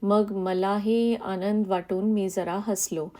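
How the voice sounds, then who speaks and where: A woman reads an old devotional memoir aloud in a slow, deliberate delivery. Her voice is warm and mellow, never rushed. The pitch sits at an ordinary middle level. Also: steady tone. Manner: slow, measured reading. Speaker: reader. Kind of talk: devotional text reading.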